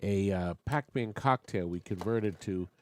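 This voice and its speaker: Hosting a live online auction, a man chats with bidders and tosses in joking asides even as his voice is going. He's the auctioneer and show host, speaking at a measured pace in a low, darkish-toned voice.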